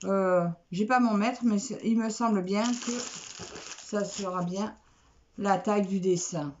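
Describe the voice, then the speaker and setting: A woman vlogger chatting casually as she unboxes craft kits, repeating words and filling pauses with little asides. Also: mid-range voice, steady tone, darkish tone. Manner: chatty, repeats words, many "alors" fillers. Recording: dull lo-fi recording with faint noise.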